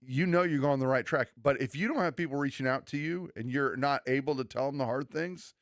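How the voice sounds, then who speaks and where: A man's voice: medium pitch, a little fast, no room sound. Pastor guy on a church podcast, earnest, stops and restarts a lot, dry close mic. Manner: earnest, preachy, many restarts and quoted asides.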